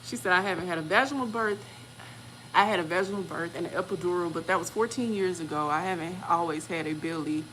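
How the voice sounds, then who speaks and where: Woman in her 40s, bright, chatty storyteller, animated quoting. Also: fast, a little hiss or hum, poor audio. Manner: animated, acts out quoted voices with big pitch jumps. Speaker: channel host. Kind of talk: casual storytelling chat.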